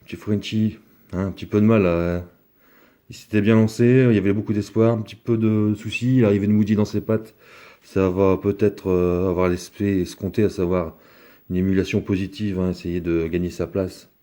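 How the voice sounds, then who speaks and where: A man with a low, mellow voice talks through opening a box of trading cards. His delivery is chatty and rambling, full of fillers and small asides. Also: fairly even intonation, normal speed. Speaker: card collector opening a box. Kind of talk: casual unboxing commentary.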